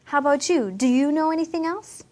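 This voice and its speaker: A woman's voice: sits high, lively intonation, brisk, darkish tone. A woman teaching an English storybook lesson to children, talking expressively and asking her listeners questions.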